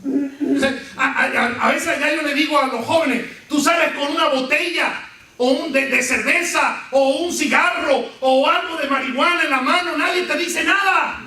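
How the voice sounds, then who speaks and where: A middle-aged Venezuelan pastor preaches with a strikingly high, bright voice. He tells funny stories with lively energy. He is heard from a distance in a very echoey church hall. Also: moderate pace. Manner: animated preaching with humorous anecdotes. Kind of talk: sermon. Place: church sanctuary.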